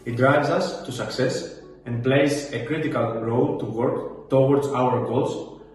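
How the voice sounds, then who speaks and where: A man's voice: medium pitch, measured pace, darkish tone. A young man from Crete with a Greek accent recites a formal student statement. He sounds distant in a reverberant hall, with faint music underneath. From Crete, Greece. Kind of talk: prepared statement. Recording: echoey hall, far from mic. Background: faint background music.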